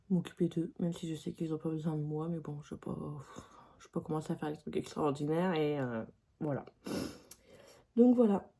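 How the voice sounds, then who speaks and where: A woman's voice: fairly low pitch, mellow, husky. A young woman chatting informally to her vlog viewers at home, rambling and trailing off into filler words. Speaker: vlogger, mother. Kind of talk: casual vlog chat to viewers.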